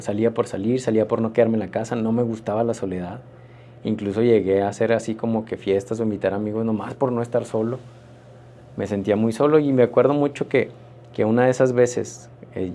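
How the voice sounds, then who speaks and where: A pastor, telling his personal testimony in an interview in an earnest, reflective, halting way. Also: lowish voice, dark tone, slight background noise.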